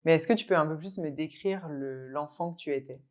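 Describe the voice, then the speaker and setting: A woman's voice: low-pitched, fairly quick. A woman hosting an interview, asking short, friendly prompting questions. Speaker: podcast host, interviewer.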